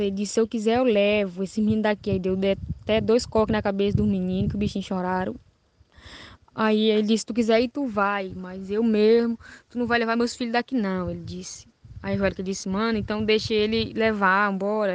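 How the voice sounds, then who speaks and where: A woman's voice: medium pitch, darkish tone, no echo, muffled recording. A woman giving a personal testimony, telling events plainly one after another. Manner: plain storytelling, chaining events with "aí". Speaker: witness telling her story.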